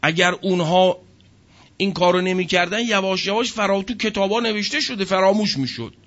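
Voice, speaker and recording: Male preacher, high voice, forceful rhetorical questions, dull lo-fi recording. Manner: emphatic, full of rhetorical questions. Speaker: religious speaker. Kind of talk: sermon to an audience.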